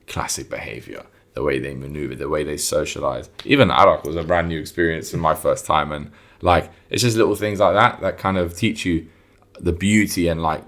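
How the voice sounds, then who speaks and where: A man's voice: extremely low pitch, steady tone, fairly quick, fairly bright tone. A young man with a London accent, chatting casually in an informal, slangy, emphatic way. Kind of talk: casual chat.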